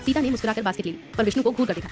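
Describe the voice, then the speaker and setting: Fast-reading woman storyteller. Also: fairly high pitch. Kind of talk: scripted story narration. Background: background music.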